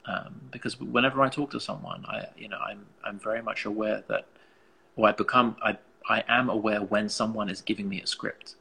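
A man from England with an English accent and a gravelly, slightly husky voice, talking earnestly and reflectively as an interview guest, working out thoughts in broken phrases. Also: on the low side, steady tone, brisk, pushed and bright. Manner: earnest, searching, thinks aloud in broken phrases. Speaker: interview guest, musician and artist.

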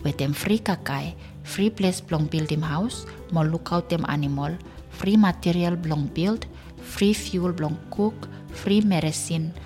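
A woman's voice: on the low side, a little slow, darkish tone. A woman with a Vanuatu accent reads a scripted documentary narration. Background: faint music.

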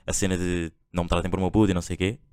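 This podcast host is a young European Portuguese man whose low voice is smooth and dark, delivered flatly and at rapid-fire speed. His casual storytelling wanders, packed with slang, filler words and false starts.

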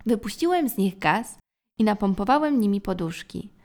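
A woman's voice: medium pitch, lively intonation, normal speed, darkish tone, close to an everyday voice. Eldest boy in a kids story, woman reading, sheepish, explains his trick.

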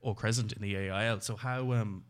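A man's voice: on the low side, fairly even intonation, fairly quick, clear, resonant tone. A man with a Limerick Irish accent hosting a casual student radio show, chatty and enthusiastic. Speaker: host.

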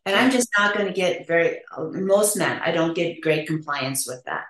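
Woman clinician on a podcast, practical explainer, lowish voice, echoey room. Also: animated, fairly bright tone. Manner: explanatory, practical, quick to laugh. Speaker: testosterone therapy clinician. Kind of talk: podcast interview. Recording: roomy echo.

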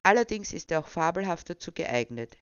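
A storyteller voicing a calm, friendly young woman with a dog, who speaks gently and encouragingly, on a dull, dry recording. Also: lowish voice, fairly quick, clear, resonant tone, dry recording, lightly acted. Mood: gentle.

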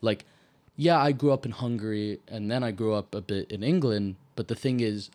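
A man co-hosting a podcast, asking questions in a chatty, halting way. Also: lowish voice, darkish tone. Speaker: podcast co-host. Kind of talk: casual podcast chat.

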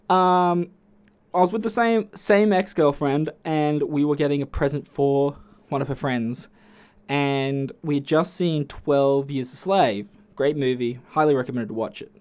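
A man with an Australian accent hosting a podcast alone, telling stories in a casual, chatty way and swearing freely. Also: moderate pace. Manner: chatty, swears freely, jumps to high excited pitch. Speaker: podcast host. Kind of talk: casual solo podcast storytelling.

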